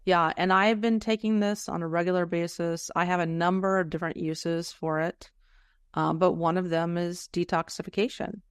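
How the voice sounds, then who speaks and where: A woman hosting a podcast, chatting in a relaxed way with plenty of fillers. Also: on the low side, normal speed, clear, resonant tone, no room sound, studio quality. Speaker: podcast host. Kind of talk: casual interview chat.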